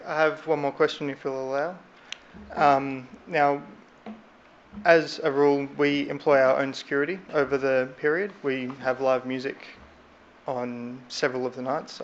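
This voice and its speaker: Man, measured and halting public questioner, flat delivery, muffled audio with faint noise. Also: mid-range voice. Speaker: licensed business representative questioning council. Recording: dull, faintly noisy meeting room audio.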